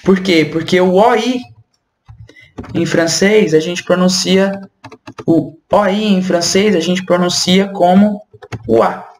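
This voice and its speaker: A woman teaches French in an unhurried, patient way, saying each word again and again so it can be copied. Her delivery is slow and easygoing. The room around her voice is echoey. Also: fairly low pitch, a little mellow, a little hiss or hum. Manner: patient, repeats words slowly to model pronunciation. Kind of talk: online language lesson.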